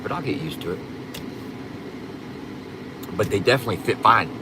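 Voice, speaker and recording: A man's voice: fairly low pitch, lively intonation, normal speed, very noisy. A man chatting casually on a livestream in a blunt, profane, rambling way, his speech slightly slurred and lisping as with loose new dentures. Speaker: livestream host.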